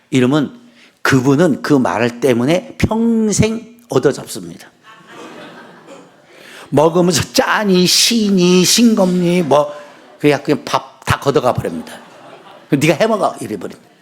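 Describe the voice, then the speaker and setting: A middle-aged man, a pastor, preaching a sermon in church, telling funny stories and acting out quoted dialogue. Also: fairly high pitch. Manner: lively storytelling with humor, acting out quoted dialogue. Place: church sanctuary.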